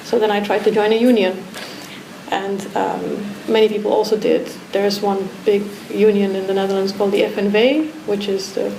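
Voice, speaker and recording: Speaking at normal speed with a level tone, this Romanian artist guest has a mellow, mid-range voice marked by vocal fry. She reflects aloud during a talk discussion at an art academy pavilion, restarting frequently and filling gaps with fillers, and the recording is echoey and noisy.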